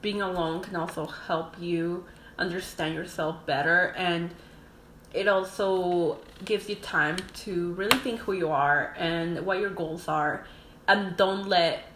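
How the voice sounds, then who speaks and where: A woman's voice: lowish voice, slow pace. A young adult woman from Mexico, a podcast guest talking casually and thoughtfully with many ums. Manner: relaxed, frequent ums, thoughtful. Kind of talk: casual interview chat. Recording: echoey room, faint noise.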